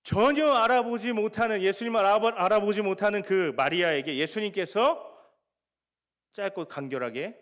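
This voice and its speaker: Lively pastor preaching in a reverberant church. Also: male voice, high-pitched, normal speed. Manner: animated, asks the congregation questions and acts out the scripture scenes. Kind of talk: sermon. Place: church sanctuary. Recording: long hall reverb.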